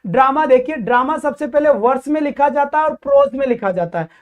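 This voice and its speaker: A woman's voice: sits high, lively intonation, a little fast. A woman teacher giving an exam-prep lecture. She asks questions and answers them herself, and keeps calling her students "child" affectionately. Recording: dull lo-fi recording.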